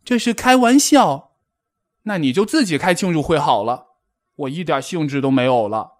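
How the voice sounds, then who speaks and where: A man doing a shrill timid bunny girl. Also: big pitch swings, measured pace. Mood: indignant. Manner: shrill, panicky. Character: timid excitable young female rabbit.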